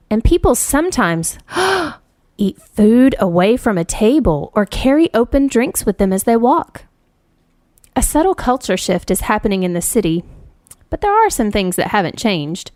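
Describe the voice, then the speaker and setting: A woman from the United States reading a personal essay in a measured, wry storytelling manner. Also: medium pitch, a little mellow, no echo, clean studio sound. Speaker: writer reading her story.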